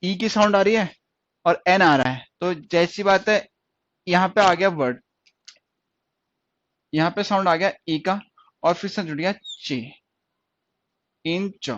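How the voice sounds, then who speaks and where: A man teaching stenography in an online lesson, explaining step by step and repeating words and sounds slowly. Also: high voice, no echo. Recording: dry, dull lo-fi sound.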